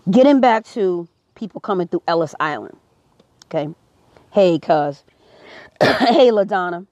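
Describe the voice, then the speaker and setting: Speaking in a lowish, expressive, slightly mellow voice at a measured pace, this American woman hosts a live stream and lectures her viewers directly with fervent, emphatic social commentary. There's no echo, and the recording sounds dull, dry, and lo-fi.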